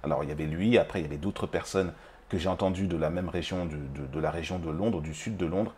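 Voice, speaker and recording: A man's voice: sits low, quick pace, darkish tone, slight background noise. A man with a French accent hosting a language-learning video, talking casually to the viewer with many fillers and restarts. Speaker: English-teaching video host. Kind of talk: casual spoken monologue to camera.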